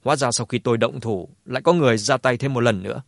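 A man's voice: mid-range voice, quick pace, creaky, dry recording, studio quality, natural voice. A man voicing a young male brawler who is relieved and grateful as he explains.

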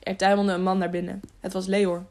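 Brief: female audiobook narrator, gravelly voice, mid pitch. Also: fairly quick. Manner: steady reading with small slips.

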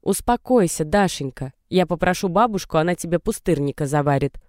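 A man's voice: on the high side, expressive, brisk, a little mellow, no room sound, clean studio sound, close to an everyday voice. A man reading a fussing, anxious mother. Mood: coaxing. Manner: coaxing, insistent, lecturing.

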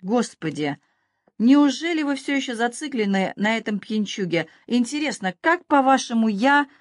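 A woman's voice: fairly high pitch, expressive, normal speed, no room sound, clean studio sound, voice pushed up, lightly acted. A woman voicing a tense, exasperated male hero in an audiobook thriller. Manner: exasperated, strained.

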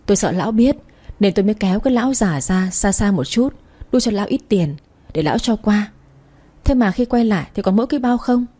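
Woman playing a blunt male friend, exasperated, warm husky tone. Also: mid-range voice, lively intonation, brisk, lightly acted. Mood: matter-of-fact.

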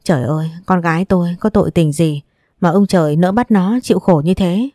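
A woman voicing a distraught mother, hoarse from crying, who pleads in anguish. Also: fairly low pitch, brisk, dark tone, no echo, clean studio sound, lightly acted. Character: distraught mother, tearful and frantic.

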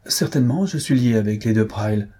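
A man voicing an excitable young marquise in an audiobook, speaking eagerly and emphatically. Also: fairly low pitch, brisk, natural voice. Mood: emphatic.

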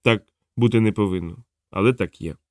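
A man's voice: on the low side, a little fast, a little mellow, no room sound, studio quality, close to an everyday voice. A man voicing an earnest, kind male watchman who explains things patiently.

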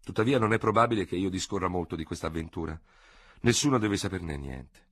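A man's voice: sits low, fairly quick, a bit bright, no room sound, clean studio sound. A man voicing a proud, cold French general who speaks with formal, ironic gravity. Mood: coldly ironic.

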